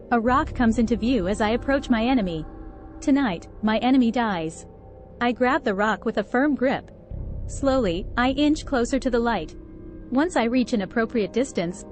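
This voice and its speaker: High-voiced woman reading a horror tale. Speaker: story narrator. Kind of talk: first-person horror story reading. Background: faint background music.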